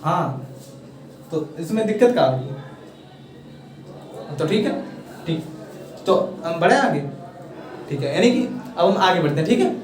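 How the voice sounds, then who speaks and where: A man's voice: high-pitched, expressive, a little slow, long pauses. A young man with a Hindi accent, explaining a pronunciation lesson to students and checking often that they follow. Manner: repeats "thik hai" often, coaxing and encouraging. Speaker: English teacher. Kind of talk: casual classroom explanation. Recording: echoey room, voice from far off.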